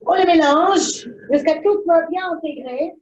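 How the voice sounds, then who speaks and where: A woman's voice: very high-pitched, moderate pace, a little mellow, roomy sound, distant mic, lo-fi sound. A woman with a foreign accent in French presents a live cooking demonstration from a kitchen, chatting to herself as she works. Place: kitchen, indoors.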